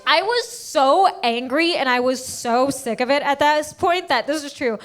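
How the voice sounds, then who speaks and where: Brash high-voiced woman doing stand-up. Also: fairly bright tone, soft background music. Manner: brash, rapid storytelling with punchy punchlines. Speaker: stand-up comedian. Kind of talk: stand-up comedy set. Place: stage before a live audience.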